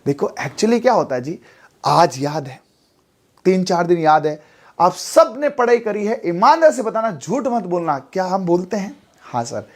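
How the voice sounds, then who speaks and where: A man teaching an exam-prep class, lively and playful, acting out little dialogues and sound effects to make points stick. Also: high-pitched, normal speed. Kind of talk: animated classroom lecture with mnemonic stories.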